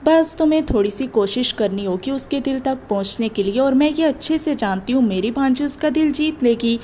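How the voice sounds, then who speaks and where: A woman's voice: sits high, lively intonation, dark tone, slight background noise. A woman doing a doting, coaxing aunt. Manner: coaxing, affectionate. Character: doting, fussy middle-aged aunt.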